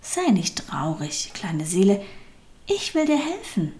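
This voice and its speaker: A woman's voice: fairly high pitch, very animated, takes it slowly. A woman voicing a tender, loving soul. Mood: kind. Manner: tender, softly whispered, rising with feeling. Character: kind, loving soul, warm and devoted.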